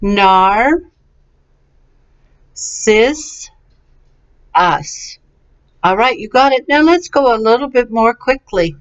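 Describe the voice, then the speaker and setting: A woman with a slightly high, expressive voice speaks smoothly and a bit quickly, with few pauses, while the lesson itself stays slow and clearly enunciated. She patiently and encouragingly sounds out English vocabulary syllable by syllable, recorded through a lo-fi webcam that sounds a little dull.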